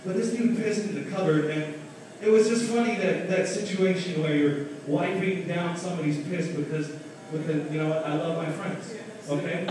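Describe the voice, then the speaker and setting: A man's voice: high-pitched, moderate pace, a little hiss or hum. A young man doing a stand-up comedy set, hesitant, with lots of ums and uhs. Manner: hesitant, lots of ums, acts out drunk friends in loud voices. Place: small bar stage. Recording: echoey bar, far from the camera mic.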